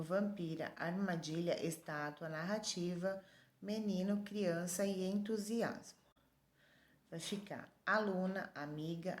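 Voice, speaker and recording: A woman's voice: on the low side, a little mellow, reverberant. A woman teacher reading a workbook lesson aloud to her pupils, spelling out letters and listing words one by one.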